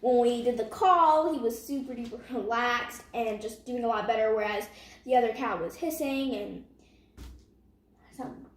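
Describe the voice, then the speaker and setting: A woman's voice: on the high side, normal speed, a little hiss or hum. A young teenage girl telling a story in casual chat, acting out what people said as she goes. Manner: animated retelling with acted-out quotes. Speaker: storytelling vlog co-host with parent. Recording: echoey room.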